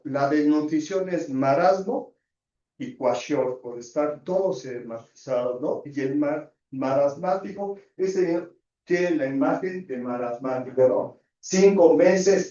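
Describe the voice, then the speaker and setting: A man's voice: on the high side, darkish tone. Mexican man lecturing in an echoey hall. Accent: Mexican Spanish. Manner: peppers talk with rhetorical questions, tag checks. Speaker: anatomy lecturer and surgeon. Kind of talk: university lecture. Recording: echoey distant dull lecture hall audio.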